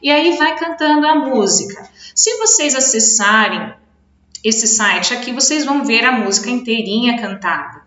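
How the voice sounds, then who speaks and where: A Brazilian woman teacher with a high, bright voice works through a children's video lesson. She explains patiently, drawing out words to mark their stressed syllables. The recording is dull and lo-fi, with the echo of a bare room. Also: animated, moderate pace. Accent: Brazilian Portuguese. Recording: echoey room, dull lo-fi sound.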